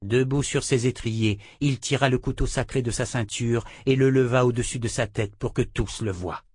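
A man narrating a fantasy novel in a measured, dramatic reading. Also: medium pitch, a little mellow, husky, no room sound, studio quality. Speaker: audiobook narrator.

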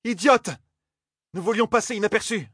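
Stern older wise woman, sharp and scolding, put on by a male audiobook reader in a lifted voice. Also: medium pitch, moderate pace, breathy edge, no echo, clean studio sound, pitched above the performer's own voice, close to an everyday voice. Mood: furious.

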